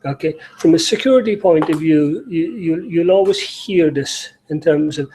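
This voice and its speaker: A middle-aged Irish man speaking on a conference panel, his voice mellow and set a little high for a man. He talks loosely, full of fillers, restarts and asides. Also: normal speed, slightly rough, rough recording. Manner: rambling, many fillers and restarts. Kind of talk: conference talk.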